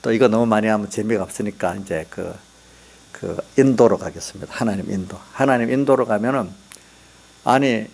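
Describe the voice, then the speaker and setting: A man's voice: fairly low pitch, a little fast, gravelly, darkish tone. A middle-aged male pastor preaching a sermon in church, talking in a conversational way and often asking the congregation for replies.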